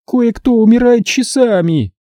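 A man voicing a sadistic young woman kidnapper who gloats and taunts in a shrill, high voice in an audiobook. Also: measured pace, dark tone, dry recording, clean studio sound. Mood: gloating. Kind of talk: audiobook character voice.

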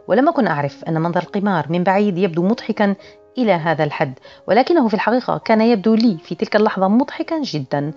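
Female audiobook narrator, quick steady reading, dull lo-fi sound. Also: medium pitch. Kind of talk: scripted literary narration. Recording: muffled lo-fi audio with faint music.

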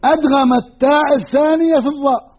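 A man's voice: very high-pitched, fairly even intonation, fast. A man with a Levantine Arabic accent teaching a Quran lesson, explaining patiently and repeating and counting points aloud with his listeners. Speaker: Quran lecturer. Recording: tinny lo-fi lecture recording.

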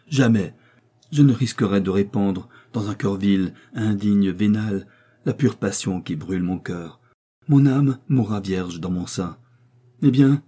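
Proud, vehement young heiress, husky edge, voiced by a man reading. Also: sits low, warm tone. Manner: impassioned, vehement, sometimes tearful. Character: proud passionate young heiress, wary of suitors. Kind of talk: audiobook reading.

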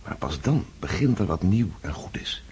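A man's voice: low-pitched, sing-song, normal speed, darkish tone, husky, whispered, heavily acted. An actor playing Pierre, an earnest man back from war captivity, speaking in a reflective, emotional way in a radio drama. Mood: fervent.

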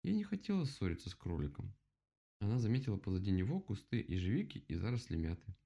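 Expressive man reading a children's story. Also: lowish voice, quick pace, gravelly, dull audio. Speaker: narrator.

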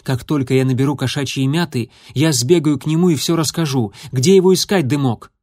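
A man's voice: mid-range voice, a little fast, a little mellow, no echo, clean studio sound, natural voice. A man voicing an eager young male warrior cat who talks earnestly.

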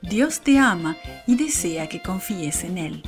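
A woman storyteller narrating a Bible story for children, speaking directly to them in an expressive, engaging way. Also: lowish voice, takes it slowly, soft background music. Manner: warm, expressive storytelling to kids.

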